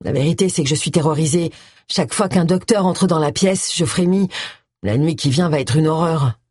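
A woman's voice: low-pitched, moderate pace, darkish tone, slightly rough, dry recording, clean studio sound. A woman voicing a frightened young man stuck in a hospital bed in an audiobook, pleading and jumpy. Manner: scared, pleading.

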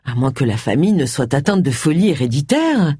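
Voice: medium pitch, very animated, fairly quick, dark tone, slightly rough, dry recording. A reader voicing a haughty, commanding young male detective in an audiobook, recorded dry and close. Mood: wry.

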